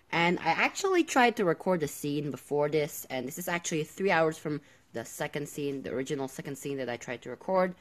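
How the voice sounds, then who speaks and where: A gaming video host giving casual commentary while playing, often repeating words and phrases. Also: medium pitch.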